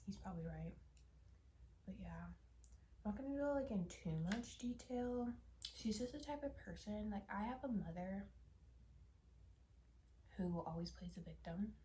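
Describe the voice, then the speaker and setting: A young woman chatting casually while she eats on camera, candid and swearing offhandedly, often dropping into soft whispered asides. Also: fairly low pitch, reverberant, a little hiss or hum. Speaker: mukbang vlogger. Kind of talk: casual mukbang chat while eating.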